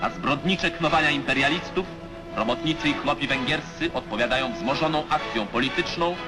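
A man's voice: mid-range voice, expressive, a little fast. A man giving formal, declamatory narration for an old 1950s newsreel. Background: music.

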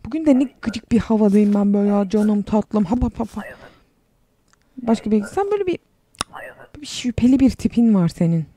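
A woman's voice: medium pitch, animated, brisk, warm tone. A young woman casually commenting on a game while she plays, chatty and sarcastic, reading the game text aloud as she goes. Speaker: game streamer.

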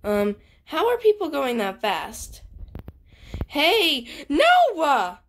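Excitable woman narrating a game. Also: high-pitched, extremely slow. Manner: excitable, gasping and laughing often, chatty. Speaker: gaming channel host. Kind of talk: casual game commentary.

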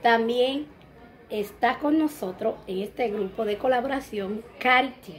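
A Dominican woman in her thirties talks straight into a close phone camera in a small bright room at home. Her voice sits a little high, and she chats easily, greeting viewers and wishing them blessings. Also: unhurried. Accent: Dominican Spanish. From Dominican Republic. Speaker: vlogger. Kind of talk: casual vlog chat.

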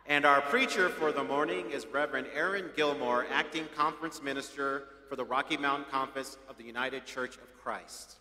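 A man's voice: medium pitch, fairly quick, few pauses, pushed and bright, slight background noise. A middle-aged man presiding over an outdoor Easter service, welcoming the crowd in an upbeat, joking way at a podium microphone. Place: large outdoor amphitheatre. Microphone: podium mic. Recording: echoey outdoor PA with long reverb.

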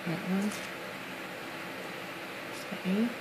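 A woman's voice: mid-range voice, drawn-out words, heavy background noise. A woman chatting casually to her viewers while unboxing a handmade craft box, gushing over each detail, apologizing often and calling everyone "guys.". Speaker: craft vlogger.

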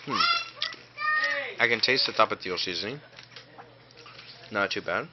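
A man's voice: fairly low pitch, expressive, unhurried. A man casually chatting through a snack review in a laid-back, rambling way. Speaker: food review vlogger. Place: small cluttered room indoors. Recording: dull lo-fi audio with hum and clicks.

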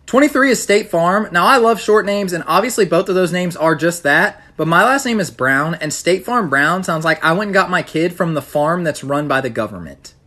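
A man's voice: high-pitched, lively intonation, moderate pace, hardly any pauses, pushed and bright. A young man in his twenties ranking things in a talking-head video, opinionated with a dry, sarcastic edge, filmed on a phone at arm's length. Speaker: vlogger.

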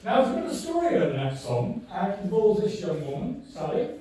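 A man's voice: high-pitched, huge pitch swings, quick pace, dark tone, slight background noise. An older man joking and rambling between songs as host of his own live gig, self-mocking and chatty. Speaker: musician hosting his album launch gig. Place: music venue with a live audience. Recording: echoey club from far off, crowd.

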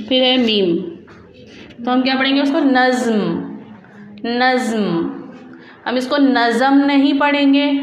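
A woman school teacher giving a patient reading lesson to young children, repeating each word slowly for the pupils. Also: sits high. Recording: echoey classroom with faint hum.

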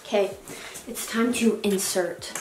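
A woman's voice: mid-range voice, steady tone, measured pace, noisy background. A teenage girl vlogging in casual chat, talking with a slight new lisp and lots of fillers. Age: teens. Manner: chatty, filler-heavy, bubbly. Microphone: camera mic.

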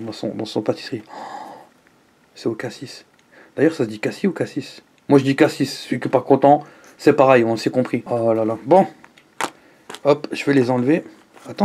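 In a casual vlog shot at home, a man reviews food while chatting to the camera, exclaiming with energy and making asides to his viewers. His voice is a little high, and a slight hiss or hum can be heard.

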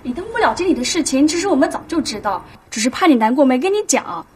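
A woman's voice: sits high, animated, fast talker, slight background noise. An actress playing a chatty young office woman in a TV drama, confiding gossip to a colleague. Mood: gossipy. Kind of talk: TV drama acting.

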